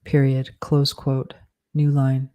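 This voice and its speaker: Slow, flat voice dictating a story. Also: mid-range voice, clear, resonant tone. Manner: measured, flat dictation, spelling out punctuation and corrections. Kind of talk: dictating fiction aloud with spoken punctuation commands.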